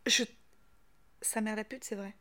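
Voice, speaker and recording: A woman hosting a casual podcast interview, cheeky and teasing, firing off quick questions. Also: medium pitch, steady tone, pushed and bright. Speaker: podcast host.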